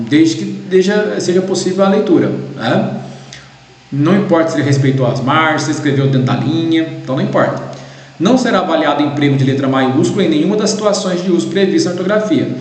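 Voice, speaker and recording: A man with a Brazilian Portuguese accent explains a grading guide step by step and keeps checking in with his listeners. His voice sits a little high for a man. It rings through a very echoey room with a long reverb tail. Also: darkish tone. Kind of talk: recorded lesson walkthrough.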